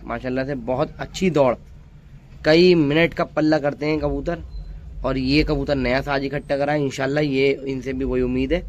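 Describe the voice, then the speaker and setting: This pigeon-keeping vlogger speaks in a mid-range voice with fairly even intonation at a moderate pace, filming on his phone in a courtyard crowded with cooing, fluttering pigeons. He narrates casually for his viewers, addressing them as friends, with a little hiss or hum on the recording.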